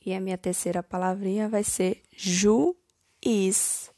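A woman teacher, slowly correcting first-grade homework step by step, stressing each word. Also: medium pitch, fairly even intonation, dark tone, no echo, studio quality.

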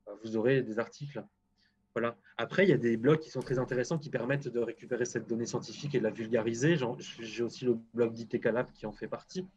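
A man's voice: mid-range voice, fairly even intonation, fast talker, a little mellow, a little hiss or hum. Guy scientist chatting in an interview, stumbles and restarts a lot, bit muffled lo-fi audio. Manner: hesitant, many restarts, frank. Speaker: guest scientist. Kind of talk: casual interview talk.

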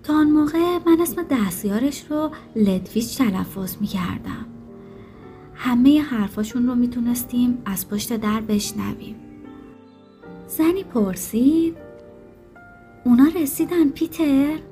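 A woman narrating an audiobook in a steady, even storytelling manner. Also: a little high, soft background music.

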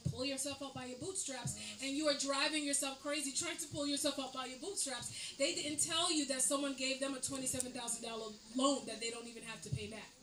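A woman's voice: sits high, fairly even intonation, quick pace, few pauses, a crowd in the background. A woman speaking on a live panel, giving earnest, conversational advice about money and running a business. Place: event space with live audience. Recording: echoey room with ambient noise.

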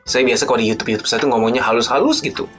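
A male therapist speaks in a motivational talk about raising children, with a voice of ordinary pitch. He is emphatic, pressing his points hard, then drops into soft, hushed appeals. Faint music plays quietly behind him. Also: racing. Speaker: therapist giving parenting advice.

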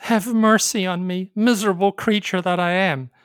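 A narrator voicing a lazy, desperate young man who pleads with the gods in a high, whiny voice. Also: steady tone, normal speed, smooth, no echo, clean studio sound, soft background music, close to an everyday voice. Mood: pleading.

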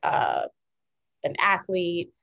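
A woman's voice: lowish voice, wildly swooping pitch, drawn-out words, vocal fry, fairly bright tone. A woman interviewing a guest in casual conversation, asking enthusiastic, rambling questions. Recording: dull lo-fi sound.

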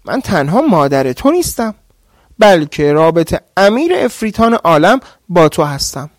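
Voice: medium pitch, very animated, a little mellow, dry recording, studio quality, pitched above the performer's own voice, natural voice. A storyteller voicing an old jinn witch, a domineering mother who gives stern, threatening orders. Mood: scolding. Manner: commanding, threatening.

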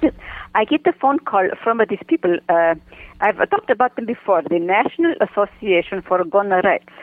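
Man putting on a feisty older woman, darling-heavy broken English, high sing-song voice, phone line. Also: lively intonation, normal speed, no room sound. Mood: doting. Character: doting, feisty older foreign-accented woman. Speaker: regular segment guest. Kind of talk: comic phone-in chat.

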